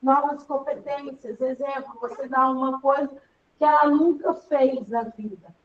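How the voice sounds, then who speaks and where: High-voiced woman teaching, rambling. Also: steady tone, measured pace, recorded from a distance, dull audio. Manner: chatty, rambling with many fillers. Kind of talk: online class lecture.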